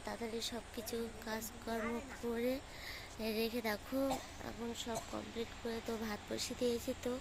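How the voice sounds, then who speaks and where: A young woman with a voice hoarse from a cold, chatting casually to her viewers in a vlog and keeping up a running "look at this". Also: on the high side, background noise. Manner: chatty, talks straight to viewers, keeps saying "look". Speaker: vlogger. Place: outdoors in a rice field.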